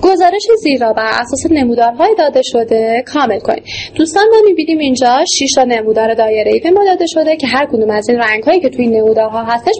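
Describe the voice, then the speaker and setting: A woman English teacher walking through textbook exercises, explaining in Persian, reading English words slowly and answering her own questions. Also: on the high side, a little hiss or hum. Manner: asks rhetorical questions and answers them.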